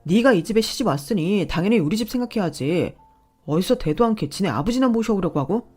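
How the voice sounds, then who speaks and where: A woman's voice: medium pitch, lively intonation, fast, darkish tone, breathy edge, soft background music. A woman voicing a brash, entitled young husband who talks back defensively and dismissively. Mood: angry.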